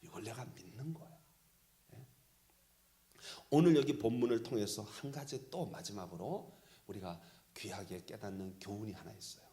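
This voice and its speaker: A pastor preaching a sermon with emphatic delivery that swings from loud calls down to soft near-whispers. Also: male voice, on the low side, normal speed.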